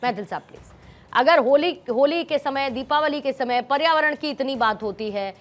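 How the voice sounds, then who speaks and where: Insistent high-voiced woman debate anchor. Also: normal speed. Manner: insistent, repeats questions and cuts in. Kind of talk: moderating a heated TV debate. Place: TV news studio.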